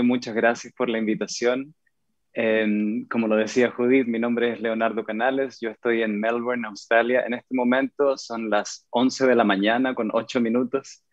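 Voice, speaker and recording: A man's voice: mid-range voice, no echo. Chilean man on dull, dry call audio. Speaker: actor and Alexander Technique teacher. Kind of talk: panel introduction over video call. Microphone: video call.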